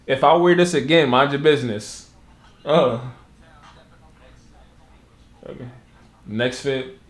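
A man's voice: medium pitch, dry recording. A young man chatting casually in a vlog, loose and slangy, with lots of fillers and asides. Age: young adult. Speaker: content creator. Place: Los Angeles.

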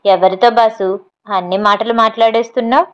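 Lady reading a nervous clumsy village buddy guy, kinda high voice, dull lo-fi sound. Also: steady tone, brisk, natural voice. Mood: timid pleading. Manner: pleading, timid. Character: bumbling fearful village sidekick man.

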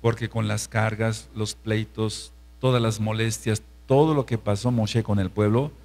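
A pastor with a Mexican Spanish accent leads a sermon-style Bible study in a lowish, steady, slightly mellow voice at a somewhat slow pace. He is emphatic, repeats phrases to drive points home, and keeps asking the congregation whether they follow.

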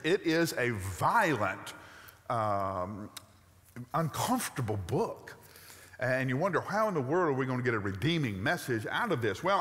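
A man in his sixties preaching a sermon from a church stage, animated and emphatic, with rhetorical questions and a Southern US accent. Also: medium pitch. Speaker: pastor. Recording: long reverb of a large sanctuary.

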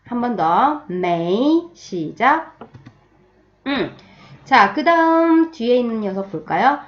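A woman's voice: mid-range voice, muffled recording. A woman teaching a beginner language lesson, patiently drilling her students with repeat-after-me cues.

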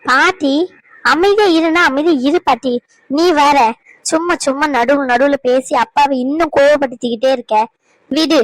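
Woman playing a calm cartoon daughter, high voice, gently reasoning, dry close sound. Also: moderate pace, dry recording, lightly acted, rough recording. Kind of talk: cartoon dub acting.

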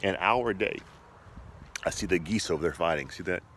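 Low-voiced middle-aged man teaching informally outdoors. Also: brisk, fairly bright tone. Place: outdoors by a shoreline path. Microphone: phone at arm's length. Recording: clear outdoor ambient noise.

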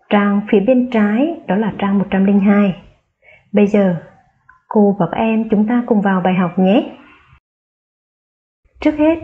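A woman teaches young children, speaking very slowly and clearly as she spells out each sound. Her voice lifts on the words she wants them to repeat. The recording sounds a little dull and muffled. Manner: slow and drawn out, spelling sounds aloud and rising high on key words. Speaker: primary school teacher. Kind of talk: slow, careful online phonics lesson for young children.

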